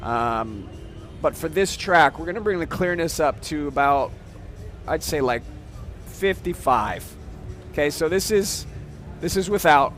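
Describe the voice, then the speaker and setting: A man giving a casual, step-by-step software demo at a trade show, often checking in with "okay?". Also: on the high side, expressive, measured pace, faint music behind. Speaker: software demonstrator.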